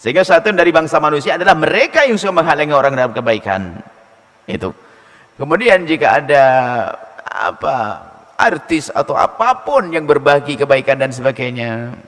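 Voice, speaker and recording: A man preaching a sermon in a lively, teasing manner, acting out husbands and wives in his answer. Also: mid-range voice, long reverb tail.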